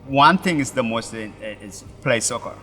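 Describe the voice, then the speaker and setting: A middle-aged man from Ethiopia, a pastor, telling his life story in halting, broken with many restarts. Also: mid-range voice, bright, forceful tone, in a large hall. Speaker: pastor, interview guest. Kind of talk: personal story in an interview.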